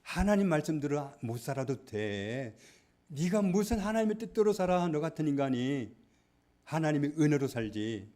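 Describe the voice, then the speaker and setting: A man's voice: on the high side, sing-song, normal speed, mellow. A man voicing a sly, coaxing evil spirit in a sermon, with a dismissive, persuasive manner.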